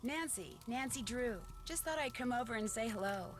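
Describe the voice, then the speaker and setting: A woman's voice: on the high side, lively intonation, normal speed, lightly acted. Nancy Drew, a woman voicing a curious young detective. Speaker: game character. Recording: game audio with music underneath.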